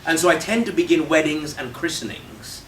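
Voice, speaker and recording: A man's voice: fairly high pitch, lively intonation, a little fast, a bit bright. A Barbadian man, a vicar, speaks to a club meeting in a slightly raised voice, telling stories and acting out quoted lines with humorous asides. He is recorded from a distance, and faint noise sits under his voice. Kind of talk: talk to a club audience.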